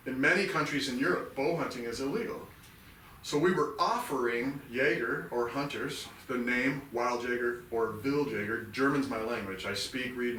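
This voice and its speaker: A veteran nonprofit founder in middle age, guesting on a podcast, recounts his story in a sincere, meandering manner. His voice is mid-range with a sharp tone, heard roomy and far from the mic amid a little hiss or hum.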